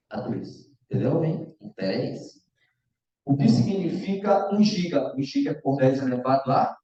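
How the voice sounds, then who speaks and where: A warm, medium-pitched male voice leads a casual math lesson as part of online exam prep, checking in with students again and again. Echo, distance and a dull lo-fi room tone color the recording.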